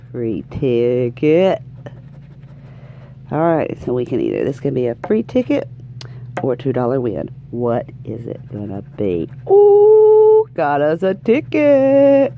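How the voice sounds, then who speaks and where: A woman's voice: very deep voice, very animated, unhurried, muffled recording, slight background noise. A woman with a Southern US accent chatting casually and exuberantly as a video host, folksy and often repeating phrases for emphasis. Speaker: lottery scratch-off video host. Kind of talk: casual excited vlog chat. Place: indoors at a tabletop, hands-only shot.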